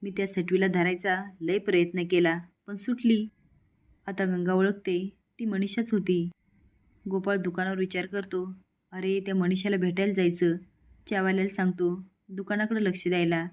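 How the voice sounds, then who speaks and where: A woman's voice: medium pitch, level tone, moderate pace, a little mellow. Woman retelling a serial episode. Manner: reads character lines in a plain narrating voice. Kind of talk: narrated episode recap with quoted dialogue.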